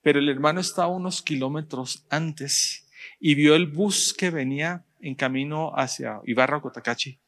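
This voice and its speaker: A man, a pastor preaching a sermon in church, speaking directly to the congregation and slowing down to stress his points. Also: on the high side, fairly bright tone. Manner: direct, addresses the congregation, rising emphasis and slow stressed phrases.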